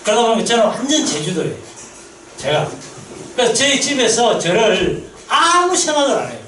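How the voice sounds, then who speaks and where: With a very high voice at an ordinary pace, a man preaches as a missionary pastor during a mission meeting, telling lively stories and asking the congregation questions. The church sanctuary sounds roomy, and the low-quality recording, made far from the mic, carries slight background noise.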